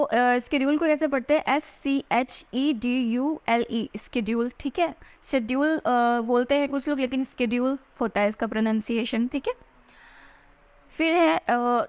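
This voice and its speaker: A woman teaching an exam-prep spelling lesson, spelling words out slowly letter by letter and checking in often with "theek hai". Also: sits high.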